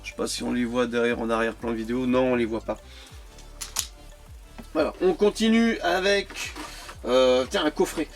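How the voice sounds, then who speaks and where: A man's voice: medium pitch, moderate pace, vocal fry, long pauses, soft background music. A man chatting casually while unboxing and reviewing his die-cast toy cars, hesitant and full of repeated words. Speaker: toy car collector vlogger.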